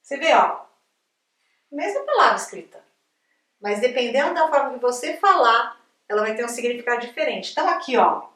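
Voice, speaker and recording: Bright, high Brazilian woman teaching. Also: sing-song, brisk, pauses often, far from the mic. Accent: Brazilian Portuguese. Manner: chatty, upbeat, frequent "tá?" and "ó" check-ins. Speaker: English teacher. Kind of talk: casual video lesson. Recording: echoey room, voice from off the mic.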